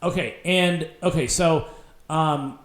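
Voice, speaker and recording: A man's voice: on the high side, slow, fairly bright tone. A man hosting a casual chat, asking probing questions and summing up the answers to set the context. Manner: inquisitive, repeats and summarizes to set context. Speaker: podcast host asking questions. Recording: roomy, echoey sound.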